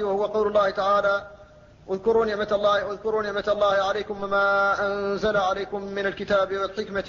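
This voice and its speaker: A man gives a classical lecture on Quran recitation, explaining point by point and quoting verses. His voice sits high and stays flat and even. The recording is dull and lo-fi, with a long reverberant tail. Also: a little hiss or hum. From Mauritania. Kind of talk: classical Arabic lecture on tajweed.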